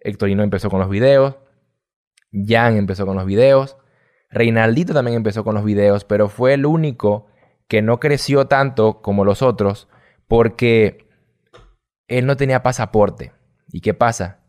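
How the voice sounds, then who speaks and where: A man's voice: on the low side, darkish tone. A young man from Venezuela with a Venezuelan accent, telling stories in a casual, slangy interview chat as a guest. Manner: chatty, storytelling, slangy. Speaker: guest, gamer youtuber.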